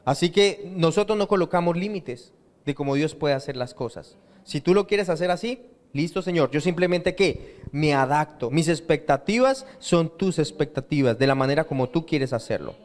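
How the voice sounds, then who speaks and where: A male pastor preaching a sermon and often pausing to ask the congregation to fill in words. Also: fairly high pitch, expressive. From Colombia. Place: church hall. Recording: reverberant church hall.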